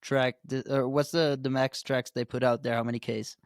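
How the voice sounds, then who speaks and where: A man's voice: mid-range voice, level tone, moderate pace, clear, resonant tone, no room sound. A male podcast co-host with a mid-range voice, throwing out blunt, teasing questions in casual chat. The recording is dry, with no room sound.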